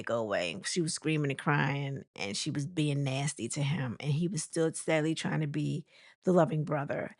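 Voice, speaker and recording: A woman's voice: lowish voice, vocal fry, dry recording, studio quality. A woman chatting casually about celebrity gossip, rambling with lots of fillers and restarts. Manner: chatty and conversational. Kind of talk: casual commentary.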